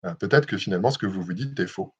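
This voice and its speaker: Soft-spoken man hosting a hypnosis livestream. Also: low-pitched, slightly rough. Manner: gentle, measured, with many hesitations. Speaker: hypnosis session host. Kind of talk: live-streamed self-hypnosis talk. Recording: dull lo-fi livestream audio.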